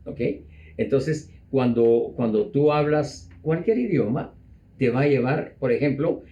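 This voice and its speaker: A man speaking as an interview guest in a dark, mellow voice. He explains at a measured pace and repeats words as he goes. He slows down to stress his points. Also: medium pitch, lively intonation, dull audio. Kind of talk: conversational explaining.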